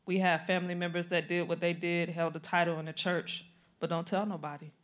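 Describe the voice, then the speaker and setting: A woman's voice: on the low side, flat delivery, a little fast. A woman on a panel giving a candid, reflective personal testimony. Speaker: panel guest.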